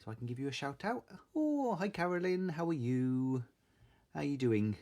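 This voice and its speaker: A man's voice: fairly high pitch, sing-song, normal speed, warm tone. A man chatting casually and informally as he hosts a craft live stream. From Salisbury, southern England. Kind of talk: casual live stream chat, greeting viewers.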